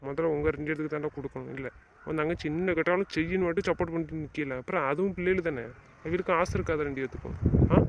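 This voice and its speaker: A man plays a bossy family elder, lecturing in a high, rapid voice. Each line ends in a pointed question. Rural outdoor noise runs clearly underneath. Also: dull audio, close to an everyday voice. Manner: scolding, lecturing, rhetorical questions. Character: domineering, scolding male family head. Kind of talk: village family drama acting.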